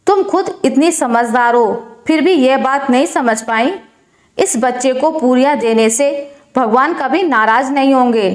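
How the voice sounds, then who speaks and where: A calm, wise old father-in-law, as a woman storyteller puts him on, gently lectures in a high, even voice. The recording carries a roomy echo. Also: measured pace. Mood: calm advice.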